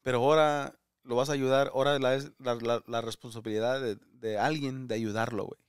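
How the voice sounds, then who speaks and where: A man co-hosting a casual comedy podcast, rambling and switching between Spanish and English, with loud laughs. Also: mid-range voice, fairly even intonation, brisk, smooth, dry recording, clean studio sound. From United States. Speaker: comedian co-host.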